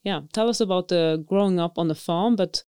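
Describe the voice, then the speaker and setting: A woman's voice: fairly low pitch, fairly quick, a little mellow, smooth, no echo, clean studio sound. A woman hosting a casual interview, chatty and enthusiastic, speaking with lots of fillers, recorded in a small cottage. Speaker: interviewer and host.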